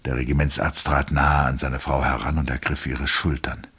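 A man narrating a novel in a measured radio reading. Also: very deep voice, little pitch movement, bright, forceful tone, husky.

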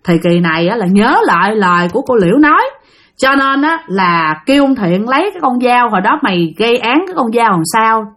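A woman with a Southern Vietnamese accent tells a ghost story to her listeners in a chatty, direct way. Her voice is slightly high and husky, and her intonation rises and falls in lively swings. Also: fairly quick. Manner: chatty, addresses listeners directly, many fillers.

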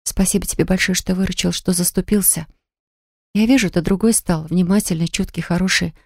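A woman narrator voicing a hurt young wife who quietly refuses to forgive her husband in an audiobook. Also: lowish voice, fairly quick, vocal fry, no room sound, studio quality. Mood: sad firm. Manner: quiet, sad and steady.

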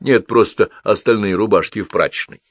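A man's voice: lowish voice, moderate pace, no room sound. A man reading a story aloud, voicing a bold, playful schoolboy with a cheeky, gallant manner.

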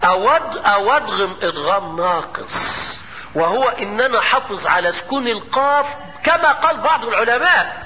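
With an Egyptian accent and an animated, high-pitched voice, a man teaches Quran recitation, firing off quick questions and chanting each example verse slowly and melodically. The audio is dull and lo-fi, with background noise and a long echo from a lecture hall.

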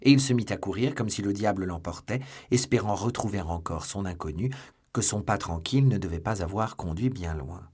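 A man reading a classic novel aloud as an audiobook narrator, in measured, expressive narration. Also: lowish voice, slightly rough. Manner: measured and expressive, voicing the characters. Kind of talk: scripted literary narration.

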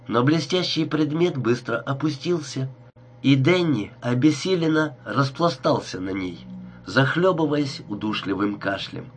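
A man's voice: medium pitch, breathy edge. A man narrating a crime story audiobook in a tense, dramatic reading.

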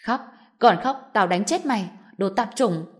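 Storybook villain: a cruel arrogant grandmother, sneering and shrill, read by a woman. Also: fairly quick, darkish tone, close to an everyday voice. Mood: vicious.

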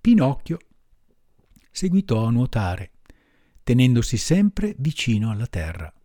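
A man narrating a storybook in an expressive, measured reading voice. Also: mid-range voice, no room sound, studio quality. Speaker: audiobook reader.

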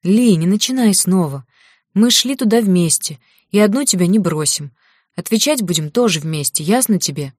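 A woman voicing a loyal young woman friend who talks briskly and firmly. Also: mid-range voice, animated, darkish tone, breathy edge, no room sound, clean studio sound.

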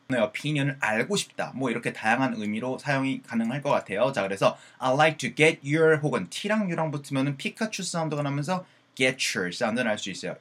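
A man who teaches English pronunciation in an online lesson. He asks questions and answers them himself, and he drills words slowly, repeating each one. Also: mid-range voice, fairly bright tone.

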